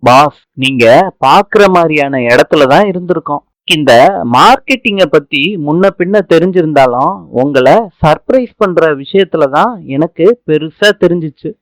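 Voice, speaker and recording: A man's voice: on the high side, animated, moderate pace, no room sound, lightly acted, low-quality recording. A man voicing an eager young woman explaining things earnestly to her boss, in a serial recap narration. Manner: earnest, talkative.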